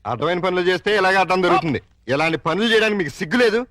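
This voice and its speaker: A man's voice: high-pitched, lively intonation, very fast. An actor playing a bitter young father who curtly refuses to marry again. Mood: resentful. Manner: curt, resentful.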